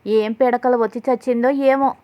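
A domineering, sharp-tongued mother-in-law from a family drama retelling pours scorn in a fairly high, flat voice, read out by a woman. She scolds with contempt. The audio is slightly dull. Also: normal speed, dry recording, natural voice. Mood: scornful.

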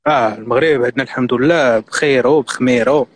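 A middle-aged Moroccan man appears as a guest on a live stream, talking at a breakneck pace in an ordinary middle pitch with a slightly rough voice. He gives earnest, insistent advice, sprinkling in French and English words.

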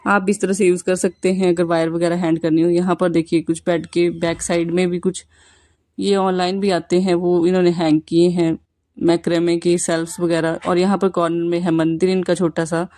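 A woman's voice: lowish voice, level tone, fairly quick, mellow. Woman, thirties, vlogger, casual home tour, chatty, pointing things out.

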